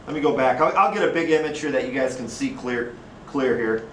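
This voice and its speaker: A man's voice: medium pitch, a little fast, slight background noise. A man with an Upper Midwest American accent teaching a classroom lecture, chatty and casual, often asking the class questions. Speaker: instructor. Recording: echoey classroom from far off.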